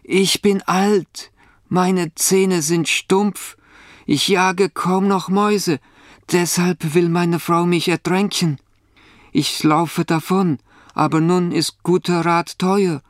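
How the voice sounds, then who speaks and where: Man doing a high plaintive old cat, slow and drawn out, dry close sound. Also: steady tone, no echo. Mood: mournful. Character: old sad tomcat, worn-out and fearful.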